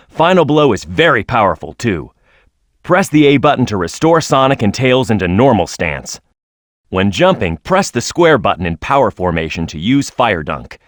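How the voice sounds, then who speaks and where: A man's voice: fairly low pitch, a bit bright, no room sound, clean studio sound. A man voicing a tough, cocky, hot-headed young echidna fighter in a video game, with a brash, punchy, confident delivery. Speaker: playable video game character.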